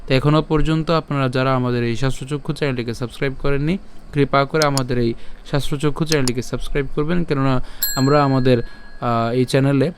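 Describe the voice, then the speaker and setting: A man teaching the recitation of a scripture verse, breaking it into syllables and chanting it slowly, patient and checking often that listeners follow. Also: medium pitch, steady tone, a little hiss or hum. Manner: patient, often asks "all right?". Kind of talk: online recitation tutorial.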